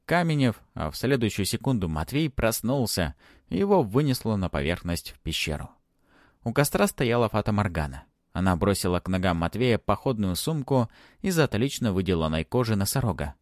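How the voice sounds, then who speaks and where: A man's voice: lowish voice, normal speed, dry recording. A man narrating a fantasy audiobook expressively, close to the microphone. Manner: expressive, acts out every voice.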